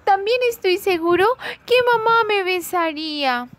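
A tiny, lonely little bird, childlike and pleading, speaking very high and slowly as it searches for a mother, as a woman reading a children's storybook puts it on. The voice sits at the very top of the range and never hurries. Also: animated, fairly bright tone, full character voice. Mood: hopeful.

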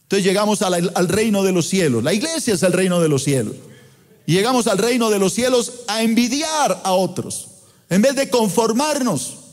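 A middle-aged man from Colombia with a Colombian accent, preaching a sermon as pastor with impassioned delivery and sweeping swings in pitch. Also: animated, normal speed. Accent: Colombian Spanish. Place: large church auditorium. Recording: long hall reverb in church auditorium.

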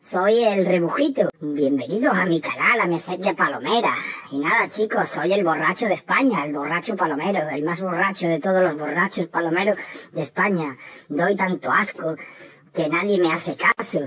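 Man mocking as a husky drunk pigeon-fancier. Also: sits high, moderate pace, pushed and bright, full character voice. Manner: mocking sing-song greetings, self-deprecating jeers.

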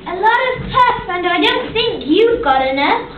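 A tiny, plucky storybook pig, with an extremely high squeak. The delivery is pleading and exclamatory, heard from far off in a noisy recording. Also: female voice, lively intonation, unhurried. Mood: defiant. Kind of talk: storybook verse character acting. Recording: very echoey, distant, noisy, thin phone-like sound.

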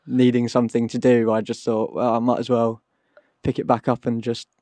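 A man's voice: completely flat delivery, dark tone, no echo. A young man from Kent, a guest singer-songwriter chatting in a radio studio, modest and a bit hesitant. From Kent, England. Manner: modest, hesitant, talks low and quick. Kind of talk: casual radio interview chat.

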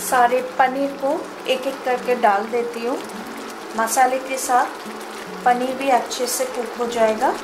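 Background noise accompanies a woman with an Indian accent as she guides viewers through a recipe as a home cook on her channel. Her instructions are simple and alternate between Hindi and English, in a high, steady, unhurried voice.

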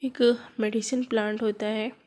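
Filming with a phone held in one hand, a woman plants cuttings in her home garden and talks to viewers as friends in a casual walkthrough. Her voice is a little high and a little mellow, with a flat delivery at a moderate pace.

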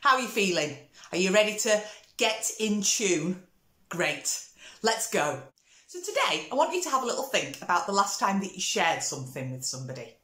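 A woman's voice: medium pitch, sing-song, normal speed, a bit bright. A woman teaching a music lesson for children in an upbeat, encouraging way. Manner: upbeat, encouraging, call-and-response. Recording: roomy echo.

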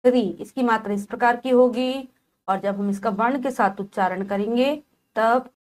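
A woman teaching a children's lesson, slowly spelling out letters one by one and checking in often with "okay". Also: a little high, a little mellow. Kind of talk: textbook lesson explaining Sanskrit vowel signs to children.

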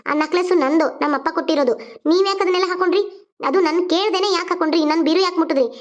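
A woman's voice: very high voice, very fast, pitched below the performer's own voice. A woman voicing an indignant young daughter-in-law in a cartoon, scolding. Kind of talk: cartoon voice acting.

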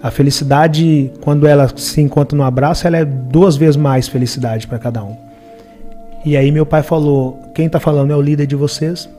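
This man's fairly high, mellow voice keeps fairly even intonation at a moderate pace, with soft music in the background. In his forties and with a Minas Gerais Brazilian Portuguese accent, he shares his life story as a podcast guest, earnestly acting out others' quoted words. He sits in a studio with a brick wall and purple lights, speaking into a boom-arm studio microphone.

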